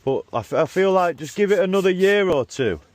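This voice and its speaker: A man's voice: sits high, expressive, fairly quick, darkish tone. A man chatting casually and using matey slang as he works and instructs a helper. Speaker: car detailer filming and instructing a young helper. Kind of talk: casual chat while working. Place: in and around a vehicle being cleaned. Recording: background noise from vehicle work.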